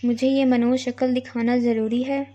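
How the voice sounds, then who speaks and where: A woman's voice: fairly high pitch, little pitch movement, dark tone, natural voice. Curt, irritated young woman, read by a woman. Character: sharp-tongued young woman, irritated and thoughtful. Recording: dull lo-fi recording.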